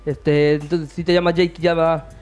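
A man's voice: fairly high pitch, little pitch movement, moderate pace, a little mellow, clean tone. A young man hosting a casual interview in a small music studio. He asks questions with many hesitant fillers, speaking into a handheld mic. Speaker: interview host.

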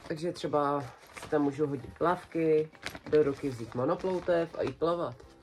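A woman's voice: sits low, darkish tone, a little hiss or hum. A young adult woman vlogging in a small bedroom, chatting casually and colloquially as she shows off her purchases one by one to a close camera. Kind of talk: casual haul video chat. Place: small decorated bedroom indoors.

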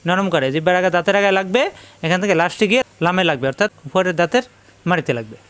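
A man's voice: high-pitched, animated, racing, a bit bright, clear, resonant tone, no echo. A man teaching Quran letter pronunciation, spelling each letter out and repeating it for his students. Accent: Bangladeshi Bengali. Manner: addresses students directly.

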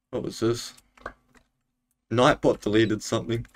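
A man's voice: mid-range voice, gravelly. A young man chatting casually with viewers while streaming a game from home, laid-back and full of fillers. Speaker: Minecraft streamer. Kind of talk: casual live-stream gaming chat. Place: home room, indoors.

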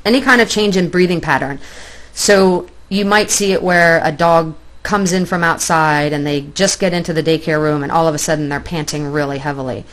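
A woman's voice: sits low, a little fast, a bit bright. A woman instructor explaining dog body language in a plainspoken online lecture, pointing out pictures on slides.

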